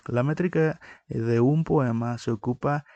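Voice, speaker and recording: A man's voice: mid-range voice, a little slow, dark tone, no room sound, dull audio. A man teaching a recorded lesson on poetic meter, explaining step by step and counting syllables aloud.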